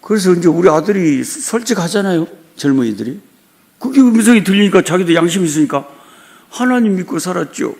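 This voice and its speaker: A middle-aged male pastor delivers a sermon in a church, slipping into the voices of the people in his story as he tells it. His voice sits a little high for a man and has a gravelly, fry-heavy texture. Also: lively intonation, a little fast, a little mellow. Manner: storytelling, acting out quoted voices. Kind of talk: sermon with personal testimony. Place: church sanctuary.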